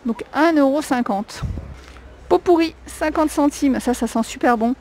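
A woman's voice: high-pitched, unhurried, darkish tone, poor audio. A woman with a non-native accent in French, chatting casually and hesitantly as she films a walk through a discount store, listing prices with many fillers. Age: adult with a young child. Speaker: shopping vlogger. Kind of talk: casual store walkthrough vlog. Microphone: handheld camera.

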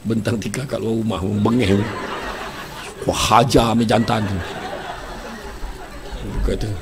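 Male Malaysian preacher, comic sermon, rough gravelly voice. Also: lowish voice, a little slow, a crowd in the background, background noise. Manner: joking, animated storytelling. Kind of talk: humorous sermon.

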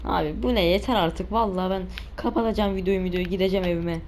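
A woman's voice: mid-range voice, quick pace, darkish tone, a little hiss or hum. A woman giving let's play commentary, exasperated and cursing at enemies. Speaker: gamer playing a survival shooter.

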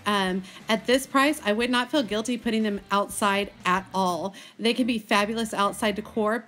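Chatty and folksy, this gardening channel host from Texas, a woman in her thirties with a Texan accent, narrates her casual vlog with enthusiasm. Her mid-range voice has a fairly bright tone.

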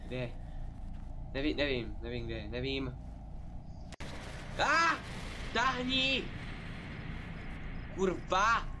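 A young man streaming a horror game, cursing loudly and yelling when scared. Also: mid-range voice. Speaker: gaming streamer. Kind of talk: live gameplay commentary. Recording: noticeable background noise.

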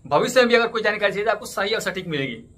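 Brisk, bright-voiced man chatting to camera. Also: high voice, expressive. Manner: chatty, repeats channel plugs, walks through app steps. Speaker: cricket ticket update YouTuber. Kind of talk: casual tutorial vlog. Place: indoors in front of a green screen stadium backdrop.

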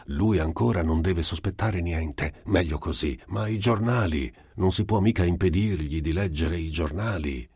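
A man's voice: deep voice, normal speed, few pauses, a little mellow, husky, no room sound, clean studio sound. A man voicing an evasive, joking friend. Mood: offhand.

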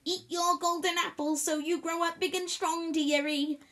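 A woman reading a storybook, putting on a croaky, doting old granny voice. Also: extremely high pitch, fairly even intonation, moderate pace, a bit bright, voice pushed up. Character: older woman, cackling granny put on by a kid.

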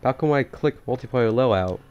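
A man giving casual, excitable commentary while playing a shooter game, swearing and thinking aloud. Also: medium pitch, fairly quick, clean tone, muffled recording, soft background music. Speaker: gamer.

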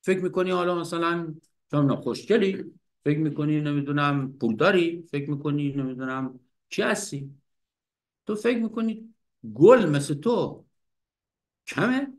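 A man's voice: a little high, close to an everyday voice. A man doing a taunting, proud husband. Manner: taunting, mocking questions.

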